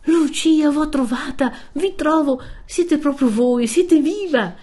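A woman's voice: mid-range voice, expressive, moderate pace, mellow, pitched above the performer's own voice, natural voice. A woman voicing a young peasant man who pleads urgently and emotionally in a storybook reading. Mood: impassioned.

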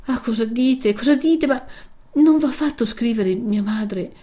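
A woman's voice: fairly high pitch, measured pace, mellow, voice pushed up, lightly acted. A woman voicing a frail, devout young woman who speaks tremulously and anxiously in a storybook reading.

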